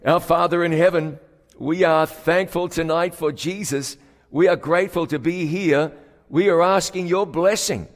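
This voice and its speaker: Preaching emphatically, a male pastor raises his fairly high voice, stretching out key words and dropping suddenly to a hush at serious moments. Each phrase trails into long hall reverb, like a stage mic in a big sanctuary.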